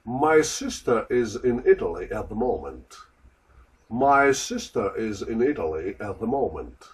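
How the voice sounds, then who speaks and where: Slow, careful man repeating lesson lines. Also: lowish voice, very animated, recorded from a distance, poor audio. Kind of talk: slow repeat-after-me drills.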